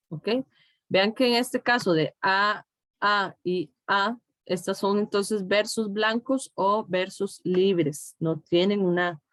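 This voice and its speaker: Slow, patient woman teacher, dry close sound. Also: mid-range voice, no room sound. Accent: Costa Rican Spanish. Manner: slow, patient, explaining step by step with checks like "¿de acuerdo?". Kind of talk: recorded screen tutorial.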